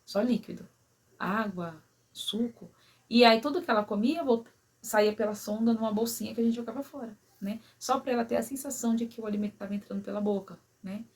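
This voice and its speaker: Breathy woman telling a personal story. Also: on the high side, brisk. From São Paulo, Brazil. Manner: emotional, many "né?" and "sabe assim?" tags, quiet at sad moments. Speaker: vlogger.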